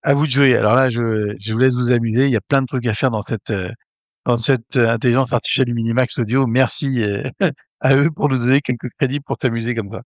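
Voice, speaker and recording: A man hosting a casual tutorial, hesitant with many fillers and restarts, getting excited as he talks. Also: mid-range voice, fast talker, no echo, dull audio. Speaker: tech tutorial host. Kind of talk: casual screen-recorded tutorial.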